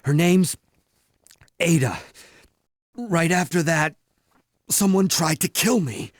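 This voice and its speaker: An actor playing a young policeman in a game cutscene, speaking in an anxious, halting way. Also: a little high, no echo, studio quality. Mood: worried.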